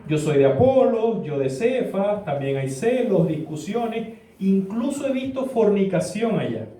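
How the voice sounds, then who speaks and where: A man voicing the apostle Paul as a patient, gently explaining older advisor in a church lesson. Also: high-pitched, big pitch swings, a little slow. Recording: echoey church room, distant mic.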